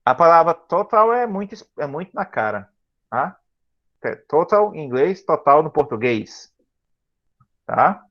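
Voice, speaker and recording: Tired man teaching a slow online class. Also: fairly high pitch, big pitch swings, lo-fi sound. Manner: patient, repeats words slowly and checks understanding often. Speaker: English teacher. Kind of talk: online class explaining vocabulary.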